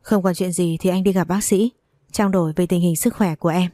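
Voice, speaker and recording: A curt, indifferent young husband who brushes everything off, voiced by a woman narrator. The delivery is low and mellow. It is recorded close and dry for a storybook reading. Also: fairly even intonation, brisk, no echo, close to an everyday voice. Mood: cold. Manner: curt and dismissive.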